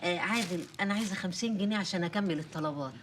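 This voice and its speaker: A woman's voice: lowish voice, rapid-fire, a little hiss or hum, close to an everyday voice. An actress with an Egyptian accent playing a bossy, stingy mother scolding her family in a sitcom. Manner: bossy, sharp-tongued. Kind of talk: sitcom acting.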